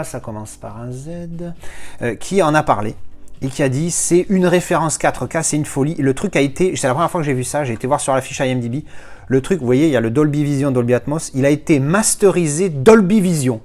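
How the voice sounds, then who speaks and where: A man's voice: medium pitch, darkish tone. A man from France chatting casually as he unboxes his latest movie discs, rambling with playful asides.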